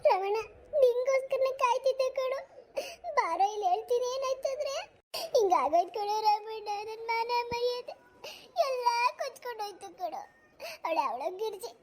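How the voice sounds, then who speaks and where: Woman as a shrill, quarrelsome cartoon granny who wails and scolds melodramatically. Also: a little hiss or hum. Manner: complaining, scolding, melodramatic lamenting. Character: wailing old village grandmother, quarrelsome and proud. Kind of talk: animated cartoon voice acting.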